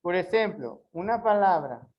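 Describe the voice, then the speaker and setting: A woman's voice: fairly low pitch, expressive, moderate pace, dull audio. A woman teaching an online class, explaining patiently and drawing out words syllable by syllable. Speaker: Spanish teacher.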